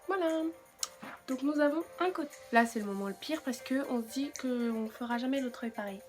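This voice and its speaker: A woman's voice: sits high, moderate pace, music in the background. A woman with a French accent chatting casually through a makeup tutorial, with self-mocking asides. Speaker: beauty vlogger.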